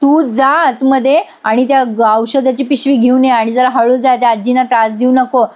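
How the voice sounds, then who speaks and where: A woman voicing a middle-aged housemaid who scolds and nags in a raised, high pitch. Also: steady tone, moderate pace, darkish tone, lightly acted. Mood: scolding. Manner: scolding, nagging.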